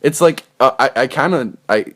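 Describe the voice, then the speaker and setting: A man's voice: mid-range voice, lively intonation, moderate pace, fairly bright tone. A young man co-hosting a casual chat podcast, rambling, laughing often and swearing freely. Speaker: podcast co-host.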